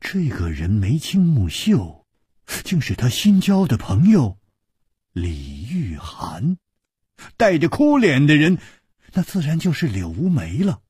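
A male storyteller performing a long-form story broadcast. His voice is husky and dry, with a wildly animated pitch as he builds suspense. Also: slow pace, dry recording. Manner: dramatic, shifting tempo and pitch.

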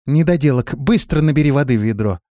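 A man's voice: medium pitch, big pitch swings, moderate pace, no echo, studio quality, lightly acted. A man voicing a haughty, bossy young woman who snaps orders, in an audiobook. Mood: commanding. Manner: commanding, sharp.

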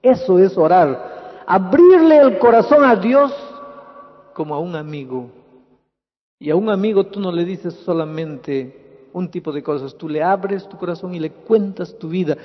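A man preaching a sermon, dramatic, swinging from loud to soft. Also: on the high side, normal speed. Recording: dull lo-fi with long hall reverb.

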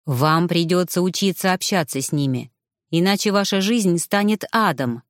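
Woman voicing a steady male mage, low, patient and coaxing, dry close sound. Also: normal speed, no echo, natural voice. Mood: calm persuasive. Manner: calm, coaxing, low-pitched.

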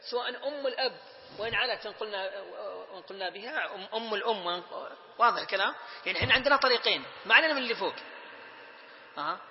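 A man's voice: high voice, animated, very fast. A man teaching a classroom lesson, drilling lists and prompting students with short questions. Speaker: teacher of Islamic inheritance law. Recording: reverberant room, dull lo-fi sound.

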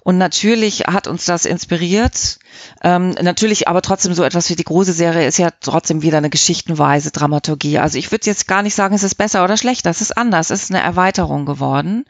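This audio drama producer and editor, a middle-aged woman, speaks quickly in a fairly low voice with no room sound. She answers interview questions casually and reflectively, musing aloud through long, rambling explanations.

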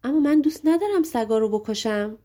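A woman's voice: medium pitch, animated, warm tone, close to an everyday voice. A woman voicing an earnest young male hunter in an audiobook fairy tale. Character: young man, a brave hunter's apprentice.

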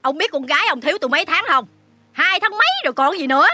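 Story character: a shrill loan-shark woman, sharp-tongued and mocking, dry close sound. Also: animated, fast talker, no room sound, soft background music. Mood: scornful. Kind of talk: audiobook story reading.

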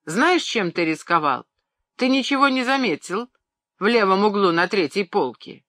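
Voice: medium pitch, lively intonation, normal speed, no room sound. Narrator doing a ranting, pompous pharmacist. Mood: furious ranting. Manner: ranting, shouting in outrage. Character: pompous excitable middle-aged male pharmacist. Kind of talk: audiobook character reading.

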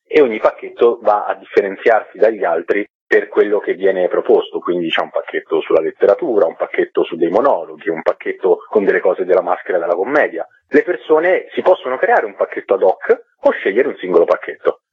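Phoning into a radio programme as a guest actor, a man gives conversational, explanatory answers, repeating words for emphasis. His deep, breathy-edged voice is animated and fairly quick with hardly any pauses, heard dry through a tinny, narrow-band telephone line.

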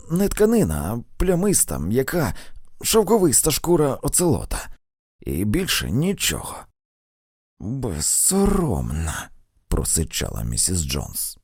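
A man narrating an audiobook in a measured literary reading style. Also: mid-range voice, mellow, no echo, clean studio sound.

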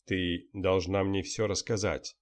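A man voicing a calm male journalist who speaks steadily and insistently. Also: deep voice, measured pace, pitched below the performer's own voice.

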